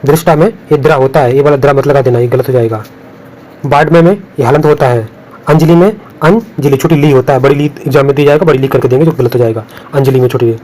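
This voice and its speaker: A Hindi exam tutor speaks fast in a mellow, mid-range voice, the recording rough. Using on-screen notes, he repeats every word in his spelling drill and alerts students to what will be marked as an error.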